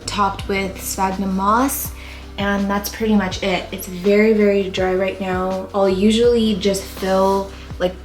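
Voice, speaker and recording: Recorded on a camera mic under a ring light, a tired young woman vlogs casually about her plants from a warm home plant room, wandering off track and filling gaps with likes and ums. She sounds worn out, her voice going hoarse. Her mid-range pitch echoes slightly in the roomy space.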